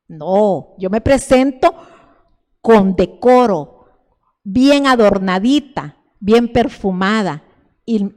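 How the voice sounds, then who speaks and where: An older Salvadoran woman with a Salvadoran Spanish accent preaches a church sermon in a medium, slightly mellow voice. Her delivery is fervent and repetitive, and she often restarts her words. A long reverb from the church hall surrounds the recording.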